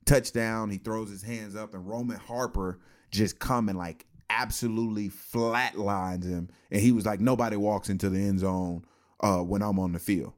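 A former football player co-hosting a casual sports talk show, telling stories in a laid-back way with slang and laughter. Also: male voice, on the low side, fairly even intonation, moderate pace.

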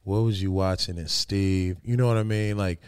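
A laid-back man in his forties hosts the chat, tossing out loose questions and laughing often. His voice is lowish, smooth and resonant. It sounds dry and close, with no room around it. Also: steady tone, moderate pace, a little mellow, dry recording. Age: 40s. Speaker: podcast host. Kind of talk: casual interview chat.

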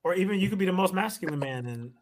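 A man's voice: high voice, expressive, fast. A man in casual conversation, agreeable and chiming in with short responses.

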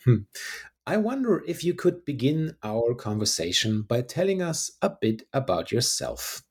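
Lively, husky-voiced male podcast host. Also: medium pitch, unhurried. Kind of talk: reading an introduction, then interviewing.

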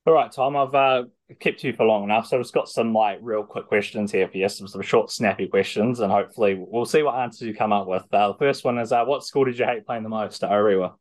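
A man interviewing a guest, firing off quick, friendly questions. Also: on the low side. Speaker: interviewer, producer. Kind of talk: casual interview.

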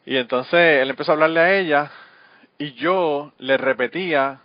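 A man, hosting a podcast in quick, laughing casual chat. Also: fairly high pitch, dry recording. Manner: fast-talking, laughs often. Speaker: podcast host. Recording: dull, slightly lo-fi audio.

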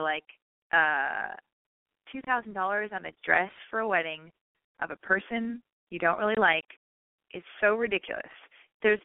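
On her call-in show, a woman hands out blunt, emphatic advice to the people phoning in. Her voice is medium-pitched, and the audio is narrow like a phone line, without any room sound.

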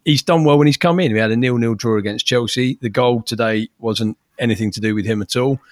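A man's voice: medium pitch, brisk, dry recording. A man on a fan podcast talking football in a casual, thoughtful way, often restarting his sentences. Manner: thoughtful, repeats words when starting. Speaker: podcast co-host.

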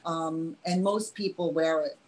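A woman's voice: sits low, fairly even intonation, measured pace, darkish tone, poor audio. A woman from New York chatting casually as a podcast guest from her home studio. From New York, United States. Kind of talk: casual chat. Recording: faint background noise.

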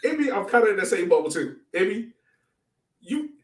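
A man with a high-pitched, very animated voice co-hosts a sports podcast, talking a little fast about soccer in a casual, joking way. He sounds distant from the mic, and the room has a noticeable echo.

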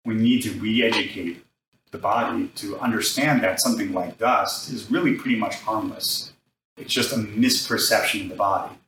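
Bright-voiced male sound healer, echoey room. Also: fairly low pitch, moderate pace, recorded from a distance, a little hiss or hum. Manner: demonstrates vowel tones by singing them; earnest, ends points with "right?". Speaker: vocal sound healer guest. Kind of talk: guided chakra sound teaching.

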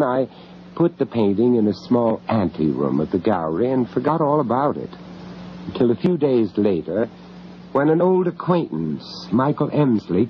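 In a muffled, noisy old radio drama recording, a man with an expressive mid-range voice narrates in the first person as the lead of a radio horror story. He plays an urbane but uneasy foreign art gallery owner in London recounting horror, sounding hesitant and reflective, with chuckles in the dialogue.

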